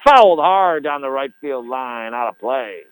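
A man calling a live high school baseball game on radio, with a folksy, colourful turn of phrase. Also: lively intonation, a little slow, clear, resonant tone, poor audio. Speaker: baseball play-by-play announcer. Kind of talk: live radio sports commentary. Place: broadcast booth at ball game.

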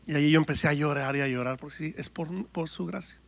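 A man's voice: on the high side, fast talker, creaky. A man, a worship singer telling his story and preaching in church, acting out quoted dialogue. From Mexico. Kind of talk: testimony and sermon.

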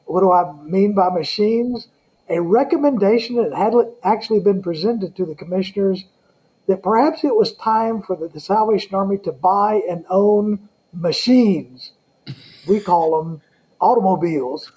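Male interview guest, Southern US accent, high-set mellow voice, conversational and halting. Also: low-quality recording. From Southern United States. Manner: halting, with frequent hesitations. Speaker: guest, Salvation Army colonel.

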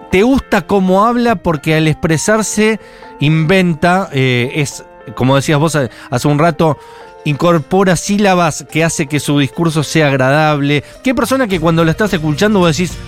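A man with an Argentine accent hosting a radio talk show, chatty and playful, often jumping in. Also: on the high side. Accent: Argentine Spanish. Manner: chatty, playful, quick to jump in. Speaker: radio host. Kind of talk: casual radio chat. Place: radio studio.

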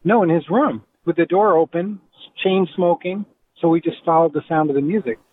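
A man's voice: a little high, moderate pace, no echo. Middle-aged Rhode Island man over a tinny phone line. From Providence, Rhode Island. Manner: relaxed, rambling storyteller. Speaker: guest. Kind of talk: casual reminiscing interview.

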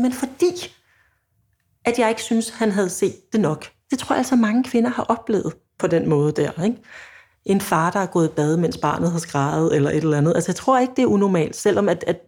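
A woman author who reads a passage from her novel aloud in a lively storytelling way, then talks about it in a casual conversation. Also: medium pitch, gravelly, husky.

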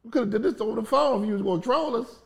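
A man's voice: very high-pitched, racing, creaky, roomy sound. A man co-hosting a podcast, chiming in from further off with short reactions and laughs. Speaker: podcast co-host. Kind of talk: casual interview chat.

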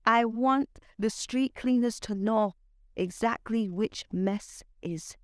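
A woman poet with a transatlantic accent, part British and part Barbadian, recites her verse with deliberate, dramatic phrasing. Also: fairly high pitch, darkish tone, no echo, studio quality. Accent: transatlantic mix of British and Barbadian. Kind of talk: poetry recitation.

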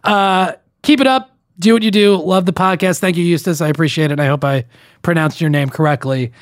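Here a young man co-hosting a podcast works through listener emails aloud, breaking in with his own thoughts and restarting frequently in easygoing chat. He speaks briskly in a voice on the high side. The recording is dry and studio-quality.

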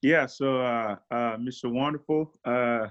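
A man's voice: mid-range voice, measured pace, highs cut off. A man in his twenties with a Togolese accent and French as his first language, answering casually as a podcast guest. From Togo.

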